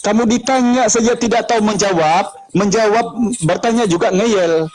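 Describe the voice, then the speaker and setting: Indonesian preacher guy arguing hard, highish voice, keeps repeating his question. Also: normal speed, soft background music, rough recording. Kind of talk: heated debate.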